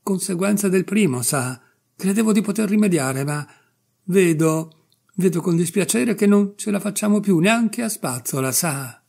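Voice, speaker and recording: A man reading aloud and voicing an anxious, apologetic middle-aged barber who keeps coaxing and pleading, in a husky, gravelly voice. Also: high-pitched, expressive, moderate pace, a little mellow, pitched above the performer's own voice, exaggerated voice. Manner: apologetic, wheedling, nervous.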